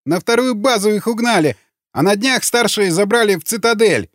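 A man doing a shrill, terrified captive begging for his life. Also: moderate pace, fairly bright tone, dry recording, clean studio sound. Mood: frightened. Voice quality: shrill, trembling pleading. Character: terrified captured young male gunman, begging.

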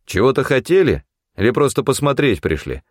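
A man voicing a tough, cynical hunter who snaps and threatens in a gruff, hard way. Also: mid-range voice, very animated, a little fast, no room sound, studio quality, pitched above the performer's own voice. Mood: harsh, angry.

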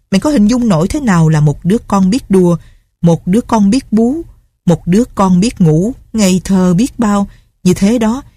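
A woman's voice: medium pitch, warm tone, husky, no echo, natural voice. A woman voicing a grief-crazed, vengeful old female recluse in an audiobook, ranting and menacing. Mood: grieving. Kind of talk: audiobook character reading.

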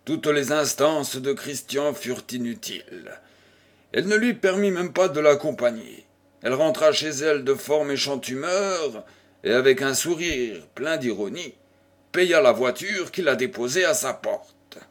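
A man reading a classic novel aloud as an audiobook narrator, in a steady storytelling voice. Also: medium pitch, measured pace.

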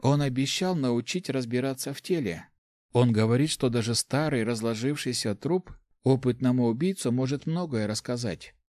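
Soft young heroine of a fantasy audiobook, calm and explaining, as a male narrator reads her in a slightly raised voice. Dry, close sound. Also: mid-range voice, moderate pace, dry recording, lightly acted. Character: young woman, gentle apprentice assassin.

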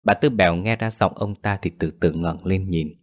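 Deep-voiced man narrating a horror story. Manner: steady, measured storytelling.

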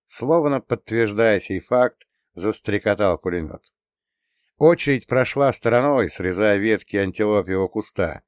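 Casual reading: man narrating a first-person adventure, low voice, dry sound. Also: lively intonation, unhurried, dry recording. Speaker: audiobook narrator. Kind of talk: scripted narration.

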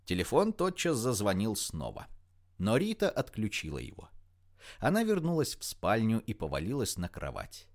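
A man narrating an audiobook with expressive, lively storytelling. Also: on the low side, moderate pace.

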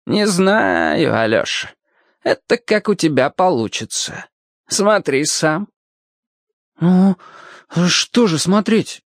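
A kindly old cobbler in a storybook, quavering and folksy, as a male narrator puts him on. He talks slowly and slyly, his pitch rising and falling widely, with a gravelly grain. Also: expressive, no room sound, clean studio sound, heavily acted. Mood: musing. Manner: folksy, teasing, slow and sly. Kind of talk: audiobook character voice.

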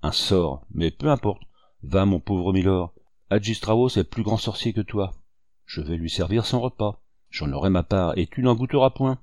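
A man's voice: low-pitched, expressive, normal speed, darkish tone, no echo, studio quality. A man reading an audiobook voices a male camp cook who taunts his listener. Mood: taunting.

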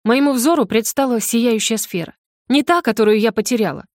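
A woman's voice: a little high, brisk, dry recording. Woman narrating an audiobook, dry sound. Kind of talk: first-person audiobook narration.

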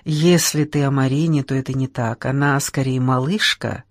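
A woman reading an audiobook, voicing a polite, sympathetic father-in-law in a lowered voice. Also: fairly even intonation, normal speed, no echo, studio quality. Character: worldly older father-in-law, mild and sympathetic.

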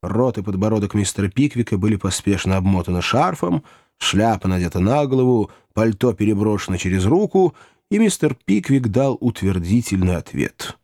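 A man narrating a classic novel as an audiobook in an expressive, animated way. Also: lowish voice, normal speed, dry recording, studio quality.

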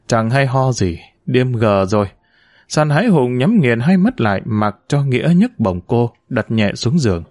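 A male audiobook narrator who reads a novel steadily and expressively, his pitch rising and falling in lively arcs. His voice is mid-pitched and sounds dry and close, with no room sound. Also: measured pace, dry recording. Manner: expressive, steady literary reading. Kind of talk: scripted narration.

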